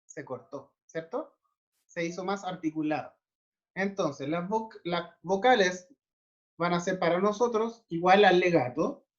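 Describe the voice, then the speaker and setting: A man's voice: high voice, unhurried, highs cut off. A man teaching a music theory class, explaining step by step and often checking that students follow. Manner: explanatory, checks understanding with frequent tag questions. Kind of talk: online theory class lecture.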